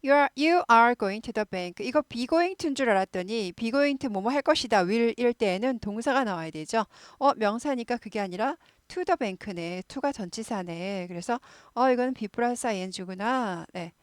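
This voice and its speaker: A woman's voice: a little high, animated, measured pace, few pauses, dry recording. A woman teaching English phrases in a casual, chatty way. She keeps affirming herself with short fillers and repeats words to drill pronunciation. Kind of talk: casual explanatory lesson.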